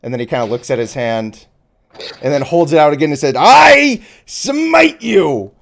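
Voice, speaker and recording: A man's voice: medium pitch, a little mellow. A man narrating as game master of a tabletop game, with an easygoing, chatty manner. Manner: easygoing, chatty, with quick laughs between narration.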